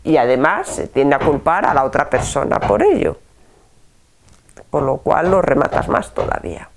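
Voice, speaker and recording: A woman teaching a spoken self-help lesson, expressive, dropping to soft whispers and rising sharply for emphasis. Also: low voice, normal speed, slight background noise.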